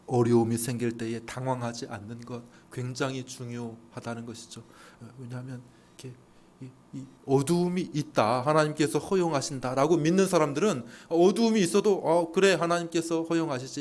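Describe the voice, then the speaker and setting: A male pastor preaching a Sunday sermon, telling stories and acting out voices of patients and doubters. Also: medium pitch. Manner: animated preaching, acts out patients and doubters in raised voice.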